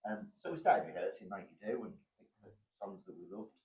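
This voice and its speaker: Low-voiced guitarist in a roomy room. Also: male voice, animated, fairly quick, darkish tone. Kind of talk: casual chat. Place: backstage green room.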